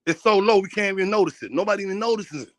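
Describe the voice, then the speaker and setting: Insistent man with a high voice. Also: very fast, no echo. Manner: insistent, talks over others. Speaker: debater. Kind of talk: heated debate.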